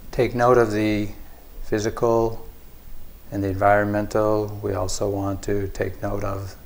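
A man with a fairly low voice leads a guided meditation as a teacher, speaking calmly in short, measured phrases separated by long pauses.

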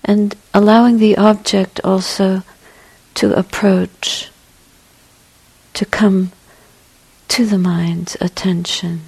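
With a medium-pitched, soft and breathy voice, a woman leads a guided meditation as its teacher, speaking gently and without hurry, leaving long pauses. She sounds flat, and the audio is poor.

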